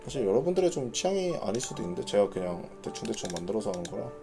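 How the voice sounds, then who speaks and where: A gaming clan leader hosts an informal live announcement for his community, reading notes and explaining them conversationally while thinking aloud. His lowish voice swings widely in pitch and races along very fast, with music in the background.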